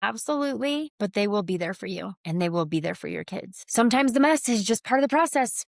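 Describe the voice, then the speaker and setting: A woman's voice: medium pitch, lively intonation, brisk, creaky, no echo, studio quality. A middle-aged woman hosting a podcast, telling a personal story in an earnest, heartfelt, confessional way. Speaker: podcast host.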